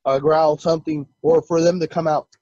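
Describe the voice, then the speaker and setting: A man with a high, excitable voice tells his encounter story as a guest, jumping into the voices of the people he quotes and laughing as he goes. The sound is dull and lo-fi, and the room is dry. His telling is animated. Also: normal speed, no echo.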